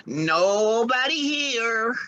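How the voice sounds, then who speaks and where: In an old-time radio horror play, a woman plays a simple, stubborn young husband devoted to his mama, naive, folksy and excitable. Her exaggerated voice is fairly high and extremely slow, and she sounds puzzled. The audio is dull with no echo.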